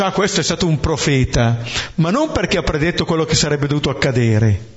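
Reflective Italian-speaking man giving a homily. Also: a little high. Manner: slow, reflective, with rhetorical "eh?" tags. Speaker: preacher. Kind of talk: homily on scripture. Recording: dull lo-fi recording.

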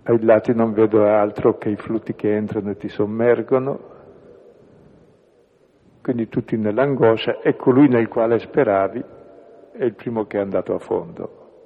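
A man leading a reflection on a bible passage, slow and measured, trailing off softly at the ends of phrases. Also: on the low side, slightly rough. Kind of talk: spoken reflection on scripture. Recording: echoey hall over a tinny phone-like line.

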